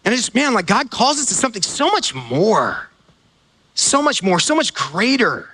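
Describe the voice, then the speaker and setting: A man's voice: high voice, huge pitch swings, normal speed, pushed and bright, husky. A man preaching a sermon as pastor, in a conversational way full of fillers and repeated words. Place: church gathering.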